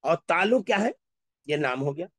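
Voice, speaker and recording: A man teaching an Urdu class, going through word lists slowly and repeating each word. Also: a little high, expressive, fairly bright tone, dry recording, clean studio sound. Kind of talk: classroom lesson.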